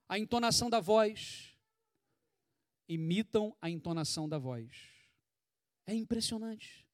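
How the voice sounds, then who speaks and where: A Brazilian-accented man preaches a sermon with a conversational, animated delivery, throwing out rhetorical questions as he goes. His voice sits high for a man and is recorded dry and close, with no room sound. He is sweating as he talks. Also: no echo. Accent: Brazilian Portuguese. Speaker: pastor.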